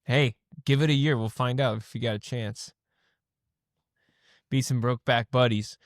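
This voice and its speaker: A man's voice: mid-range voice, moderate pace, no room sound, studio quality. A man co-hosting a podcast in casual chat, telling stories with energy and acting out what people said. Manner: animated storyteller, acts out quotes; swears casually. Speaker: podcast co-host.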